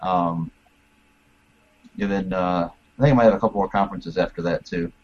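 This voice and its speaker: A man chatting casually in a group, hesitant, with many pauses and filler words. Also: low-pitched, a little mellow, muffled recording. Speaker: panel guest.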